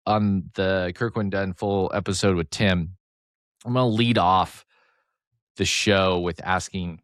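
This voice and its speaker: A man hosting a casual sports podcast alone, excitable and rambling, with a slight speech impediment that makes him mumble and trail off. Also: sits low, slow, no echo, clean studio sound. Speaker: podcast host. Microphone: close desk mic, sometimes turning off-axis.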